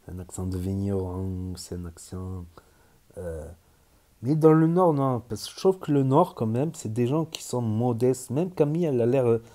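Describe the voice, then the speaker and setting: A man's voice: medium pitch, normal speed, mellow. A man with a southwestern French accent, rambling casually with frequent hesitations as he comments on social media stories. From southern France.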